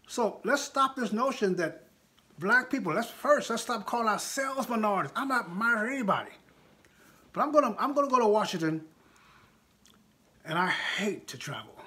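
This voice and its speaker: A man from the United States in his sixties hosts a live stream and speaks on politics, addressing viewers casually but with passion, emphatic and repeating phrases for effect. His voice sits high with a sharp tone.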